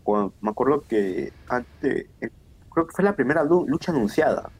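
Husky young wrestler, animated. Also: male voice, moderate pace. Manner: animated storyteller, voice jumps high when excited. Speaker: pro wrestler guest. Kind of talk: casual interview.

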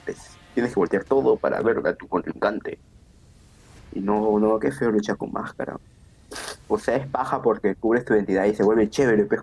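A young man, a wrestler telling stories in a casual interview, his voice jumping up when excited. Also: breathy edge. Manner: animated storyteller, voice jumps high when excited. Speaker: pro wrestler guest.

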